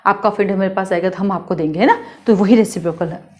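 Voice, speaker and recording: Lively woman teaching law in Hindi. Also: medium pitch, fast talker. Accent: Hindi-medium Indian English words. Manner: lively, asks and answers her own questions, repeats points. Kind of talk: classroom lecture.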